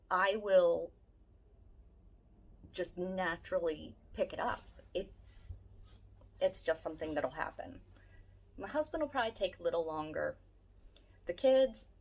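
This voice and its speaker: A woman about to turn fifty with a Philadelphia-area accent, chatting casually to camera in a rambling, self-deprecating way. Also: on the low side. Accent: Philadelphia-area American. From Southeast Pennsylvania, USA. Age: late 40s, turning fifty. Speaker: vlogger.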